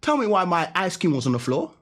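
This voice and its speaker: Male vlogger, husky voice a bit high, loose slangy storytelling. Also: fast. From Denmark. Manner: slangy, animated, laughing often. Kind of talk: casual storytelling to camera.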